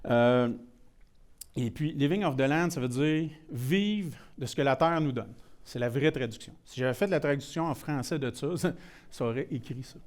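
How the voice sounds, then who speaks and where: Speaking at a moderate pace in a mid-range voice, this Québécois man presents a technical security workshop. His tone is relaxed and self-mocking, with frequent restarts and English words sprinkled into his Québécois French.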